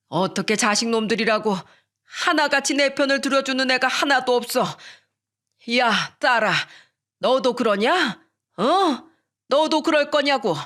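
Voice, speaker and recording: A woman's voice: fairly high pitch, fairly bright tone. A woman voicing a hot-tempered, bullying father-in-law in his sixties in a storytelling radio drama, blustering and indignant.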